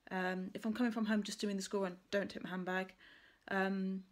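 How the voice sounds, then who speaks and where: Talking to camera about her stitching, a woman vlogger meanders through her thoughts on her crafts, often correcting herself mid-sentence. Her mid-range voice stays flat, and her pace is normal.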